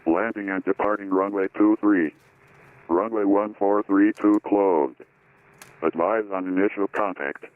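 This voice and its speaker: A man's voice in an airport weather broadcast, heard over an aircraft radio as a flat, repeating recorded readout of weather figures. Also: lowish voice, unhurried, no room sound. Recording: tinny dry radio channel.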